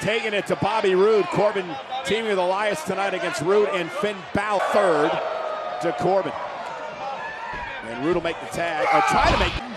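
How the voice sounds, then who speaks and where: A man giving dramatic, excitable live play-by-play as a wrestling commentator. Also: high voice, moderate pace, heavy background noise.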